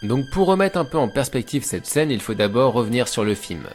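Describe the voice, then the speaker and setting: A man's voice: mid-range voice, big pitch swings, brisk. A man hosting a film analysis show, narrating a scripted video essay in an informal way that addresses viewers directly. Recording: voice-over with music behind.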